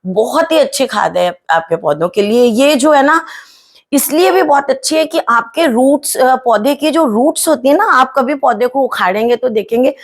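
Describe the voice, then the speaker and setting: A woman's voice: sits high, animated, normal speed. A woman hosts a home gardening tutorial, talking in a chatty, explanatory way with frequent fillers and tag questions, and into her speech. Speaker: gardening channel host.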